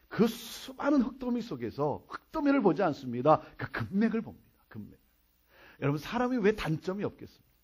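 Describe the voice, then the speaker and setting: A middle-aged man preaching a revival sermon as pastor in a church, repeating key phrases and dropping to soft asides. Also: high voice, husky. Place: church sanctuary.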